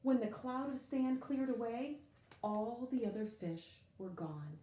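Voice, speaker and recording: A slightly high-voiced woman performs a children's picture book aloud, dramatically drawing out key words. The room sounds spacious.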